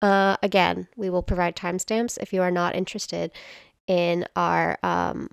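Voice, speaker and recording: Young woman podcast co-host, chatty and giggly, vocal fry, dead-dry sound. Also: on the low side, flat delivery, a little slow, no echo. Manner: giggly, rambling, self-deprecating. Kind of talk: casual chat.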